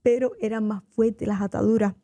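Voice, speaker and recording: A woman's voice: mid-range voice, fairly even intonation, moderate pace, mellow, dry recording, dull audio. A woman giving her personal faith testimony as a guest on a radio interview, telling her story earnestly, acting out the voices she quotes and dropping in English fillers. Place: radio studio.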